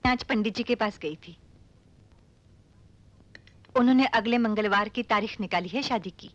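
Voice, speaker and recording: An actress playing a caring, devout older mother who speaks in a gentle motherly way. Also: medium pitch, a little slow, lo-fi sound, close to an everyday voice. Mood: worried.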